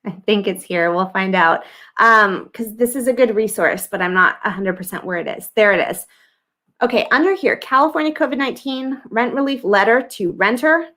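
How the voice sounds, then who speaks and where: An American woman in her thirties hosts a casual live Q&A stream, answering viewer questions in a chatty, think-aloud way with lots of ums. Her voice is on the high side and fairly bright, but her throat is scratchy and she keeps clearing it.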